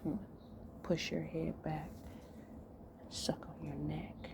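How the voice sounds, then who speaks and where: A woman voicing a dominant man whispering slow commands to his lover in a whispered role-play. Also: deep voice, flat delivery. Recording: noisy background.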